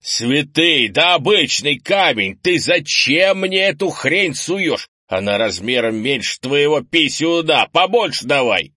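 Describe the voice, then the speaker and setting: A man doing a gruff wounded old grandfather. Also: on the low side, expressive, slow pace, fairly bright tone, dry recording, studio quality, heavily acted. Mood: angry shouting. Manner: hoarse, grumbling, bossy. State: wounded and out of breath.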